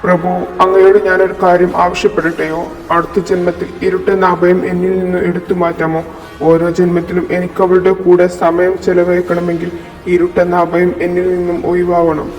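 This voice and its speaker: A man's voice: high voice, completely flat delivery, fairly quick, close to an everyday voice. A man voicing a young male vampire who says a grave, tender farewell to his lover. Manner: soft, grave farewell speech. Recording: echoey room with long reverb, from far off, music behind.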